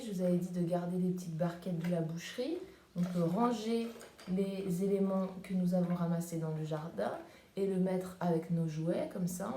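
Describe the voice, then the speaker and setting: A woman teaching young children in a remote lesson, speaking in a gentle, sing-song teacher voice. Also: on the low side, slight background noise. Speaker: preschool teacher. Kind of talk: remote class video lesson. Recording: echoey room, voice from off the mic.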